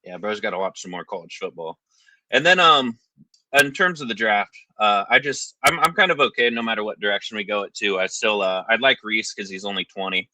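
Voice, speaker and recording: A man's voice: fairly low pitch, lively intonation, a little fast, sharp tone, no room sound, low-quality recording. A man calling in to chat casually as a sports fan, hesitant and chummy. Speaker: caller to a sports show.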